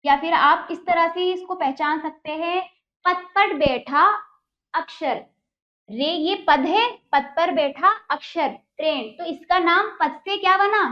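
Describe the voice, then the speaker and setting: A woman's voice: very high voice, slow, dull audio. A woman teacher giving a spelling lesson to young children, explaining patiently step by step with repeated examples.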